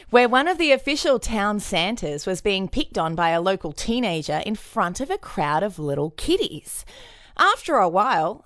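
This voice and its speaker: A woman's voice: fairly high pitch, a bit bright, dry recording, studio quality. A woman podcast co-host, reading comic stories in a playful, giggly way. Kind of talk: comedic story reading.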